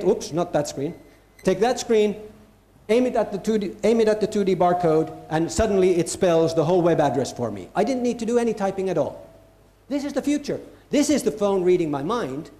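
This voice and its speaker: Speaking to an audience in an echoey event hall, a conference speaker from Finland gives a forceful keynote, repeating phrases to drive points home. His voice is high and warm.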